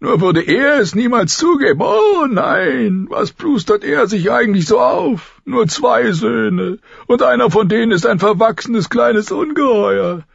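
A cackling, shrill ancient lord. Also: male voice, expressive, a little slow, creaky, hardly any pauses, breathy edge, no echo, highs cut off, exaggerated voice. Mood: mocking. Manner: sneering, taunting, boastful. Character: scheming ancient male lord, spiteful and mocking. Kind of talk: audiobook character voice.

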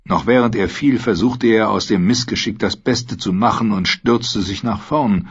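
A male narrator reads an audiobook steadily and dramatically at normal speed. His voice is on the low side with a husky grain, and the recording sounds dull and lo-fi.

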